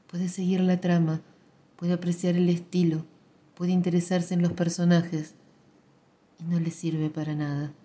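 A woman giving a quiet, restrained literary reading. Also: on the low side. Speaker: narrator.

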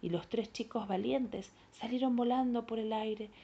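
A woman reading a children's story aloud, deliberate and stressing the repeated words. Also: a little high, steady tone, creaky, warm tone, husky. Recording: dull lo-fi recording.

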